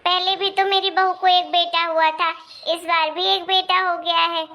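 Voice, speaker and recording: A woman's voice: extremely high pitch, level tone, measured pace, sharp tone, exaggerated voice. A woman voicing a meddling young married neighbor who gossips and gives pushy advice. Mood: boastful.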